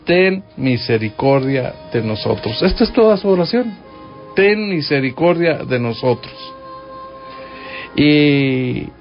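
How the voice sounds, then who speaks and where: A man's voice: mid-range voice, highs cut off. A man with a Mexican accent teaching a Bible passage on a radio program, talking conversationally and asking his listeners questions. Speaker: radio preacher.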